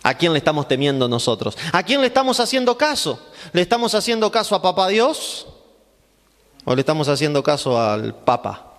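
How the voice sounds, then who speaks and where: High-pitched preacher in an echoing hall. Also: male voice, very animated, brisk, a bit bright. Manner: asks rhetorical questions and answers them himself; emphatic, repeating phrases for stress. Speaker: pastor. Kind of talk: Bible class sermon. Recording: long hall reverb.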